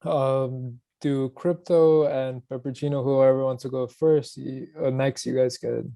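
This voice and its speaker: A host with a mellow, relaxed voice passes the turn to guests loosely, with ums. The setting is a casual group voice chat, and the sound is dry. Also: medium pitch, a little slow, vocal fry, no room sound.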